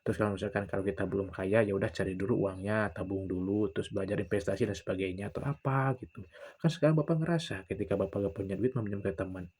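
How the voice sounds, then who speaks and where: A man's voice: on the low side, fast talker, darkish tone, slightly rough. A young man, casually telling stories to the camera and acting out what other people said. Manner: retells conversations with others, often acting out their lines. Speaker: vlogger.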